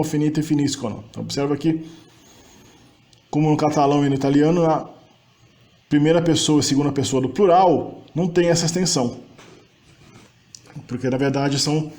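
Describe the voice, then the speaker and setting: A man teaching a linguistics lesson. He talks in a conversational way, adds tag questions, and recites verb forms slowly. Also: a little high, darkish tone. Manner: pauses to reformulate mid-sentence. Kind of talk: explanatory lecture.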